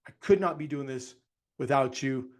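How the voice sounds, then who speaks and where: A man hosting a podcast, giving an excited intro and talking straight to his listeners. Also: medium pitch, normal speed. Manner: hyped, addresses listeners directly. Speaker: podcast host. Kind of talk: show intro monologue.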